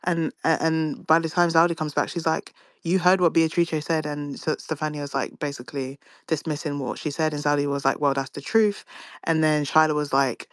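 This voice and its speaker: A woman's voice: sits low, moderate pace, no room sound. Brief: young woman, chatty reality-show recap, frank and profane, dry close sound. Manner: animated, swearing, quoting others in mimicked voices. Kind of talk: casual gossip recap.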